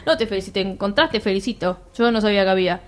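Lively Argentine woman telling a wild story. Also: mid-range voice, fast talker. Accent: Rioplatense Argentine Spanish. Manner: animated, slangy, laughs often, acts out quoted lines. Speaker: storyteller among friends. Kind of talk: casual chat, telling an anecdote.

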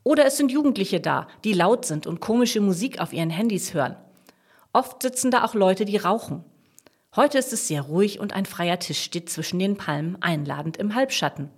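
A woman reads a children's story aloud with an expressive, storytelling manner. Her pitch moves in a lively way, rising and falling through the sentences. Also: moderate pace, breathy edge. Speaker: narrator.

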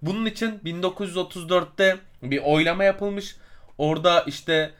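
Chatty man, slightly high voice. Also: moderate pace, a bit bright, smooth. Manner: storytelling, explains at length with fillers and searches for words. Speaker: podcast co-host. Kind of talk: casual chat.

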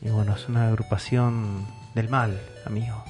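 A man's voice: fairly low pitch, level tone, normal speed, over music. A man with an Argentine Spanish accent, a player questioning a character in a tabletop game, probing, jokey and repeating his questions.

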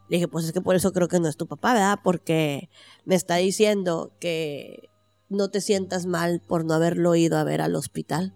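A woman's voice: fairly low pitch, a little mellow, no room sound. A woman with a Mexican accent telling a personal story in casual chat, acting out the voices she quotes and using slang.

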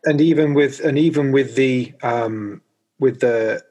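A man with a Northern English accent hosting a conversational interview, haltingly repeating words as he searches for his phrasing. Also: mid-range voice, a little mellow. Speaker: podcast host interviewing a guest.

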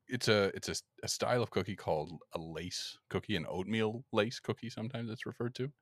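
A man hosting a podcast in casual chat, laughing often and talking in an animated way. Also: on the low side, a little fast, no room sound, clean studio sound. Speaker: podcast host.

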